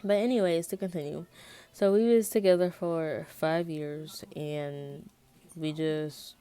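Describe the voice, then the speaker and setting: A woman's voice: deep voice, steady tone, takes it slowly, mellow. A young American woman talking casually and candidly to her viewers, telling a personal story in a rambling, colloquial way. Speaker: vlogger. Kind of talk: casual personal chat to camera.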